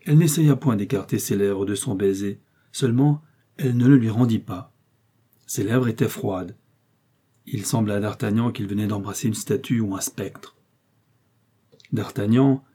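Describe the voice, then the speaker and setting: A man narrating a novel as an audiobook in a steady, measured way. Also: fairly low pitch, husky. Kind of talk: novel reading.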